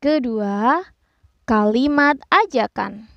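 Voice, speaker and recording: A woman with a high voice narrates a scripted grammar lesson at a slow, careful pace. Her voice has a gravelly edge. The recording is dry and a little dull. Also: no room sound. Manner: slow, careful explaining with read-out examples. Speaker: teacher.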